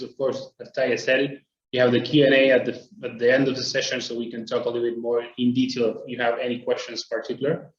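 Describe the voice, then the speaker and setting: A man from Argentina, presenting a webinar in a steady, explanatory way. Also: mid-range voice, reverberant, lo-fi sound. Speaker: traffic planner presenting.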